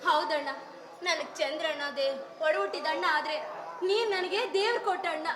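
A woman's voice: very high-pitched, brisk. A woman playing a caring young sister in a village stage drama, pleading with her brother. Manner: pleading, repeated calls. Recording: roomy stage, music and crowd.

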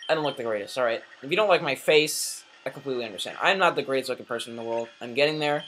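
A man doing casual let's play commentary, rambling and self-deprecating, muttering asides then bursting into sudden shouts at the game. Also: mid-range voice, racing, a little hiss or hum. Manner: excitable, swings between mumbling asides and sudden shouts.

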